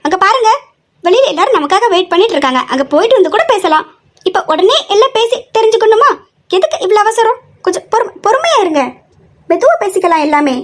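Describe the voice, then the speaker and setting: A woman's voice: extremely high pitch, very animated, quick pace. A woman playing a shy, flustered young wife who rambles nervously to dodge questions in an audio drama. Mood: stalling.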